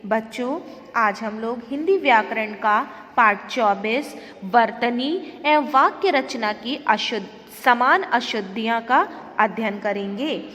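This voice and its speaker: A woman's voice: on the high side, slow, fairly bright tone, long reverb tail. A woman school teacher giving an online class lesson, speaking carefully and repeating words for emphasis.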